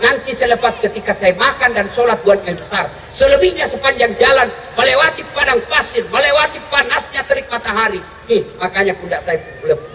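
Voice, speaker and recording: A man's voice: very high-pitched, animated, a little fast, pushed and bright, a little hiss or hum, full character voice. A man voicing a devoted, weary young man who pleads humbly while telling his story in a sermon. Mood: earnest, weary. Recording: echoey hall, voice from far off.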